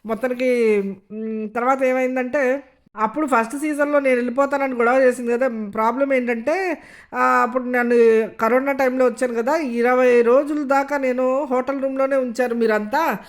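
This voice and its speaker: A reviewer giving a casual spoken recap of a TV episode, retelling it loosely and filling pauses with many small fillers. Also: sits high, fairly even intonation.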